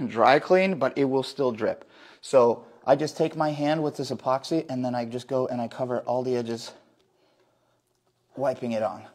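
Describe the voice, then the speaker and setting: Woodworker, 30s, male, mid pitch, talks while working in a big workshop, restarts often, phone mic a few meters off. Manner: explains while working, restarts and self-corrections. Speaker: woodworker doing a live demo. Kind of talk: hands-on live demonstration. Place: large indoor wood workshop. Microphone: phone camera a few meters away.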